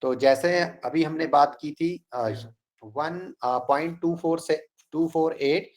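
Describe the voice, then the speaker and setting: A man teaching an online math class in a slow, deliberate way, reading out numbers digit by digit. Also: fairly high pitch, darkish tone.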